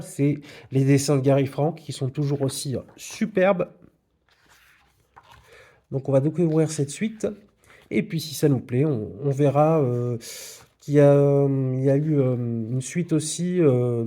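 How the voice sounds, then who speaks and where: Hesitant man with a mellow voice. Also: medium pitch. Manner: hesitant, many fillers. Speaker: comics vlogger. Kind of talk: casual haul video.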